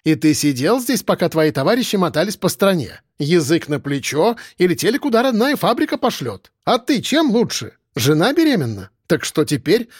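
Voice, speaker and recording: A man voicing a bossy, loud middle-aged woman who runs a factory department and scolds her staff, read as an audiobook character. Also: high voice, very animated, moderate pace, dry recording, studio quality, voice pushed up. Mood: scolding. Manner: barking, scolding, domineering.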